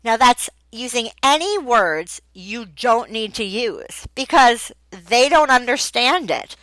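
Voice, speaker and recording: A woman's voice: fairly high pitch, animated, slow, sharp tone, no room sound, rough recording. A woman giving tips on teaching English online, emphatic and repeating key words for effect. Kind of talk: casual advice video.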